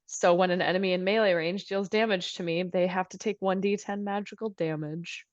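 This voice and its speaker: A woman's voice: fairly low pitch, fairly even intonation, fairly quick, no echo, highs cut off. A woman playing a tabletop game, joking around and explaining her moves. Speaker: player. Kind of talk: casual tabletop play.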